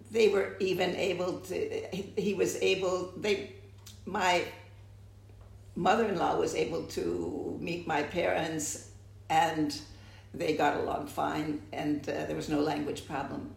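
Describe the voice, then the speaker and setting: In an echoey room, an older woman from the United States gives an oral history interview, reflecting slowly and frequently starting sentences over. She speaks in a low, gravelly voice.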